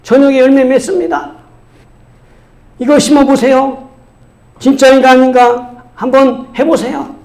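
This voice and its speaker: A clever young son, as a preacher puts him on, calling out loudly and insistently like a seller in the street. His voice sits high and carries with a bright, pushing edge. A man acts him out in a storytold sermon. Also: level tone, a little slow, gravelly, long pauses, full character voice.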